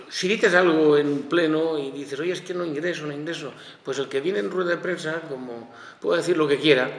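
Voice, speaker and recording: A man's voice: fairly high pitch, gravelly, fairly bright tone, a little hiss or hum. A man, a town councillor defending the budget at a press conference, emphatic with hesitant fillers. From Spain. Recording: echoey hall with long reverb, faint ambience.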